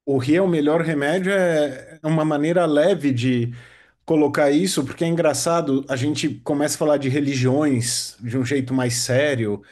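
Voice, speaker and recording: A man hosting a casual podcast conversation, engaged and quick to affirm and build on his guest's points. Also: on the high side, a little mellow.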